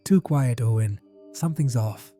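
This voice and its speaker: Frightened woman scientist, hushed and shaky, in a storybook horror reading, put on by a male narrator. Mellow, low voice. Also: lively intonation, normal speed, soft background music, lightly acted. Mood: uneasy. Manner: hushed, trembling whisper. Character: tense female biologist, calm but frightened.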